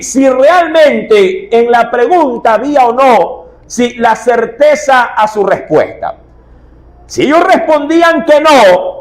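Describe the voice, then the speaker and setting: A man's voice: very high-pitched, poor audio. A man, preaching a sermon as pastor, firing rhetorical questions at his congregation. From Ecuador.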